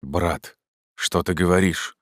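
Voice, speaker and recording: A man voicing a proud, loyal rebel leader who speaks forcefully and with indignation, in an audiobook reading. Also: sits low, fairly even intonation, slow pace, dry recording, studio quality. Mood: startled.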